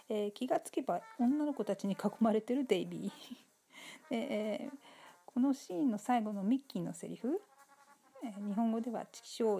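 A woman giving relaxed, casual spoken commentary on a TV episode, polite and chatty with many fillers. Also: mid-range voice, gravelly.

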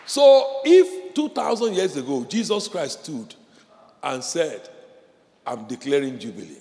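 A pastor preaching a sermon with passion, repeating phrases and leading the congregation in call-and-response. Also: male voice, on the high side, very animated, unhurried, warm tone, a faint crowd. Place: church hall. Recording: reverberant hall with faint background noise.

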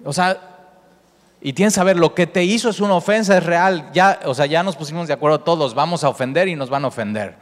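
A man with a fairly high voice preaches as pastor, speaking a little fast. He's earnest and keeps rephrasing himself, circling back to his point. His words echo with the long reverb of a large hall.

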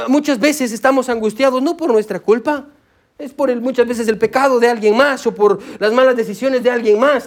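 A pastor preaching with a strikingly high male voice. He speaks fervently and keeps turning to his listeners with calls to pay attention. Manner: fervent, keeps calling out "amén" and "escuche" to the listeners. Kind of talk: sermon.

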